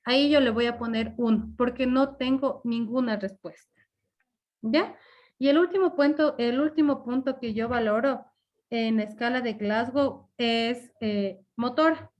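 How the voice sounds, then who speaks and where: A woman's voice: a little high, a little slow, darkish tone, lo-fi sound. A woman teaches a live online nursing class. She works through example dialogues with patients and often checks in with her students. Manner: explains step by step with example dialogues. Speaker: nursing instructor.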